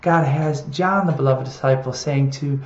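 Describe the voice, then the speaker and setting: A preacher giving an earnest, heartfelt scripture reflection and reading Bible passages aloud with quiet emphasis. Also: mid-range voice, normal speed, reverberant, dull audio. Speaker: preacher in an online video series.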